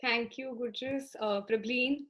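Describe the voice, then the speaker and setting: A woman's voice: fairly high pitch, steady tone, a little slow, fairly bright tone, low-quality recording. A young woman moderating a panel in a conversational, reflective way. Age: young adult. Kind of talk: casual panel discussion.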